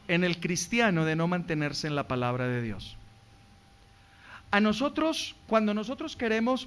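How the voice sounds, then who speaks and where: A man preaching a sermon as pastor in a church, swinging between quiet stretches and loud passages and asking the congregation rhetorical questions. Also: high voice.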